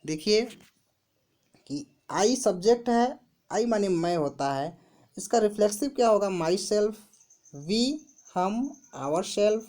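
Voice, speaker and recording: A woman teaching a grammar lesson, who asks questions and answers them herself, repeats key words and reads example sentences very slowly. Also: mid-range voice, lively intonation, dark tone. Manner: slow, repeats answers to her own questions.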